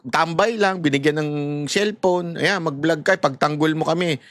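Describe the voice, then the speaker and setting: Man, middle-aged, from Manila, loud voice, high pitch, casual political commentary, dead dry recording. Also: normal speed, no room sound. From Manila, Philippines. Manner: animated and chatty, laughs at his own asides.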